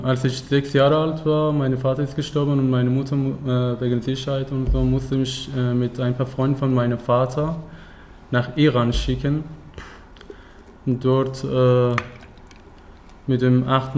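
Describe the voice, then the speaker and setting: A young man of nineteen from Afghanistan, German not his first language, speaks in a flat, even tone. He pauses often and restarts his sentences. His pitch sits in an ordinary middle range. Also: a little hiss or hum. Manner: halting, many fillers and restarts, simple German. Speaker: guest speaker. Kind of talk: personal account at a talk.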